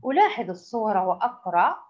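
A woman teaching a first-grade language lesson, asking the children questions, praising their answers and drawing out key words slowly. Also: medium pitch, big pitch swings. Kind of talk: recorded classroom lesson for young children. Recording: dull lo-fi recording.

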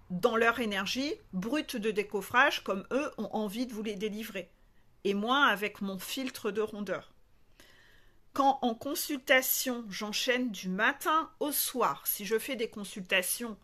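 A woman with a mid-range, fairly bright voice speaks to her viewers as a spiritual coach. She talks frankly and animatedly in a casual monologue, acting out little scenes as she goes.

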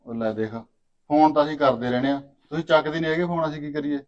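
A placating farmer brother, played by a man smooths things over in an easygoing mid-pitched voice with a Punjabi accent. The recording sounds dull and lo-fi. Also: fast, close to an everyday voice. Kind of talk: village drama acting.

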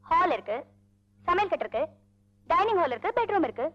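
An actress playing a spirited, headstrong young woman in a Tamil film who talks in a quick, pert and demanding way. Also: extremely high pitch, sing-song, fairly bright tone, muffled recording, full character voice. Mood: coy. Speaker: female lead. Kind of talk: 1980s Tamil film acting.

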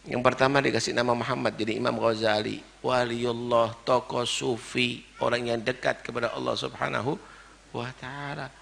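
A man preaching a dawn sermon, stressing his points with rhetorical questions and sudden loud exclamations, and chanting Arabic verses. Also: mid-range voice, level tone, normal speed, gravelly, slight background noise.

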